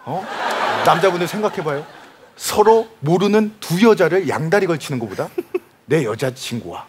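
A man doing stage comedy in a mock debate, teasing and shouting with laughter at a live audience. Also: a little high, animated, normal speed, slightly rough. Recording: broadcast stage with loud music and crowd.

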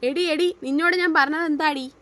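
A woman's voice: sits high, moderate pace, fairly bright tone. A woman voicing a brusque, teasing young husband in an audio story, speaking in short commands. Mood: commanding.

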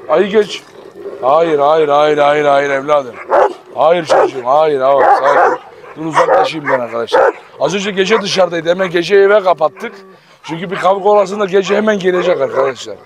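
A man filming a casual vlog, talking to viewers while firmly telling his dogs to calm down. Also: high-pitched. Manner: tense, repeatedly commanding dogs to calm down. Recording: loud background noise with barking dogs. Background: dogs barking and growling.

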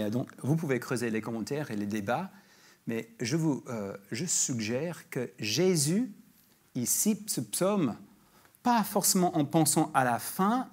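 A man giving a sermon as a guest preacher in church, talking in a conversational way with frequent restarts, and reading scripture slowly and emphatically. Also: medium pitch, darkish tone. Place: church sanctuary.

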